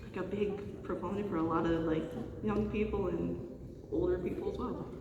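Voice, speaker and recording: A man's voice: sits high, fairly even intonation, moderate pace, creaky, lo-fi sound, background noise. A young man in the audience asking a question, hesitant and full of fillers. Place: large convention hall. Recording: echoey hall from far off.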